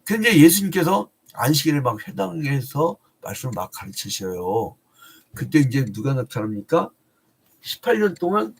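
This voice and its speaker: A man's voice: medium pitch, slightly rough. A male pastor preaching a dawn prayer sermon in a chatty way, often asking the congregation rhetorical questions.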